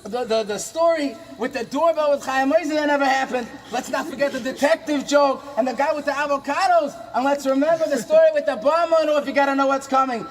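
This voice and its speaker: A man doing a comic impression of an impassioned, warm, questioning rabbi, telling inspirational stories with dramatic, preacherly refrains. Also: extremely high pitch, fairly quick, few pauses, a little hiss or hum. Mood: dramatic storytelling.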